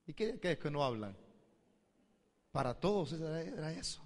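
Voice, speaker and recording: A man's voice: a little high, very animated, normal speed, big-room sound. A man pastor, preaching a sermon and addressing the congregation with questions. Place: church hall.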